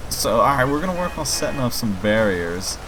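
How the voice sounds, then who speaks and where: In a very animated, mid-range voice and a slightly fast delivery, a man who hosts gaming videos and makes mods chats informally through a let's play, talking to viewers as he thinks. Clear in-game rain, passing vehicles and city ambience fill the background.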